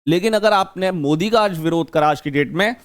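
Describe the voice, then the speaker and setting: A man's voice: on the high side, fairly quick. A man teaching an exam-prep vocabulary lesson, chatty and joking, repeating key words as memory tricks.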